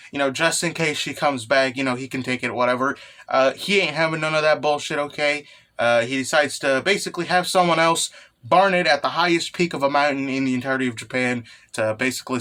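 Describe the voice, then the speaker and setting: Male manga recap host, excited anime fan, slightly high, punchy bright voice, informal and irreverent. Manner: often tags phrases with "okay" or "right". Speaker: host of a manga chapter review channel. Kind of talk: casual fan recap commentary.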